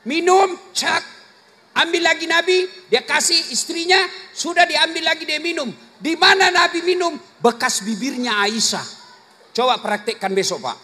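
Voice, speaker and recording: A man's voice: very high-pitched, normal speed. A man preacher, giving a jokey, teasing sermon to a live congregation. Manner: jokey, teasing, switches between quiet asides and shouted punchlines. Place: large hall or mosque, live audience. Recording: live hall with long reverb, faint crowd ambience.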